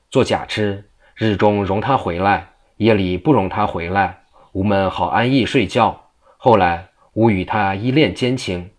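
A frightened woman pleads and confesses in a storybook tale, read by a man in a low voice. Her words come anxious and urgent. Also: lightly acted. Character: frightened adulterous young woman.

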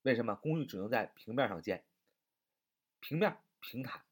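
A man's voice: medium pitch, expressive, moderate pace. A man teaching a vocabulary lesson, spelling words out letter by letter and asking and answering his own questions.

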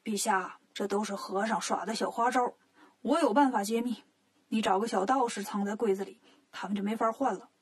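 A woman voicing a scheming old male Taoist sorcerer who speaks low and grumbling. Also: brisk, breathy edge, close to an everyday voice.

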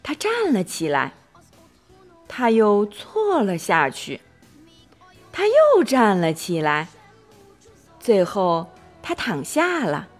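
Children's storyteller, woman, slow lively bedtime narration, soft music underneath. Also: mid-range voice. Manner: gentle, slow and expressive.

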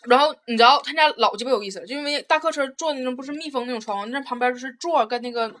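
A woman's voice: high-pitched, rapid-fire, fairly bright tone. A woman telling a story in casual chat, blunt and heavily profane.

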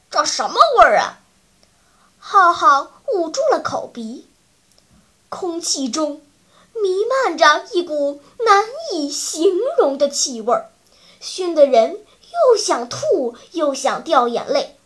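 A woman reading a children's story aloud with playful, animated narration. Her voice sits high and bright, swinging widely in pitch at an unhurried pace.

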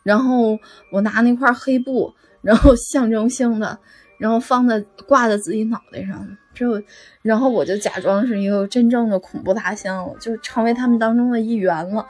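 A woman's voice: on the high side, steady tone, normal speed, darkish tone, soft background music, natural voice. A woman telling it as a hapless student stuck posing as a wax figure. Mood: rueful. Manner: rambling, full of "then" fillers.

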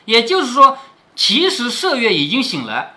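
A man's voice: extremely high pitch, wildly swooping pitch, normal speed, pushed and bright. A middle-aged man reading a classic novel aloud to his daughter, stopping often to explain and asking rhetorical questions.

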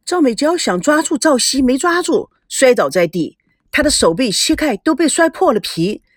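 A woman narrating a storybook in a lively, expressive dramatic reading, close to the microphone. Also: sits high, normal speed, no echo.

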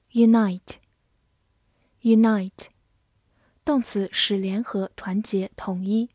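A woman reads out a vocabulary drill at a very slow, deliberate pace. She says each word twice in a measured way, then gives its meanings. The recording is dry and close, with no room sound. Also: mid-range voice, a little mellow, breathy edge, no echo. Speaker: English vocabulary teacher.

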